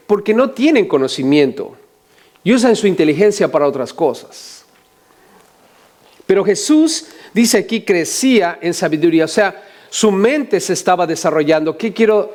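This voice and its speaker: Older man, pastor, sermon, high voice, asks the room questions, joking asides. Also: a little mellow.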